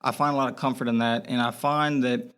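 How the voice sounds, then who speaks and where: A young man with a Boston accent, a podcast guest talking candidly in a halting way, with many restarts. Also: mid-range voice, fairly even intonation, fairly bright tone, clean tone. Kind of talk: casual podcast interview.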